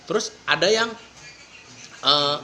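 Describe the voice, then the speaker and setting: A man hosts a relaxed chat, his questions wandering and padded with fillers. His voice is a bit high for a man. Clear background noise runs under the recording. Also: takes it slowly. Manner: chatty, hesitant questions with many fillers. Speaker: podcast host. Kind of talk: casual interview chat.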